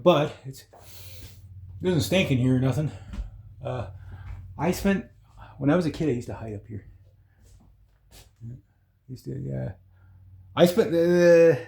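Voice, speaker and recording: A man chatting casually and haltingly as he gives a rambling, informal house-tour vlog. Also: mid-range voice, darkish tone. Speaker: vlogger. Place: indoors in an old house room. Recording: echoey bare room.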